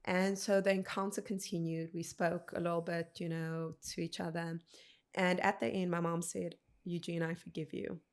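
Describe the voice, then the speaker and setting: A woman in her thirties from South Africa, a podcast guest telling a personal story in an earnest, measured way, quoting what people said. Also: fairly low pitch, level tone. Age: 30s.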